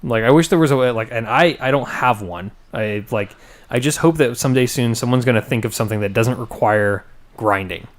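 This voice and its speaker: A man's voice: medium pitch, fairly quick. A man co-hosting a casual gaming podcast, swearing freely, laughing often and trailing off mid-sentence. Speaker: podcast co-host.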